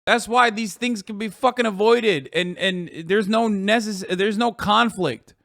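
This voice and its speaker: A man on a livestream holds forth in a fairly high voice, heated and profane, firing off rhetorical questions. The sound is dry and close, with no room around it. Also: unhurried, creaky, fairly bright tone, dry recording. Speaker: streamer reacting to a video. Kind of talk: casual livestream commentary.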